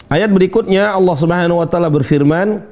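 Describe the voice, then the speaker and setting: A male Quran teacher leading a call-and-repeat tajwid lesson, reciting verses slowly and demonstrating letter sounds, with gentle encouragement between counts. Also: sits high.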